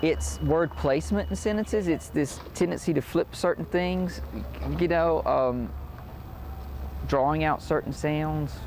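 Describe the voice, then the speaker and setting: A man with a Cajun accent chatting in an interview, pausing to think and telling things in a loose, informal way. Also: on the high side, a little mellow, a little hiss or hum. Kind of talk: casual interview and joke telling.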